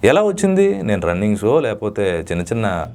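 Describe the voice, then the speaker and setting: A man, a dubbing artist, giving emphatic, lecturing interview answers with sudden loud rises. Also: lowish voice, very animated, brisk.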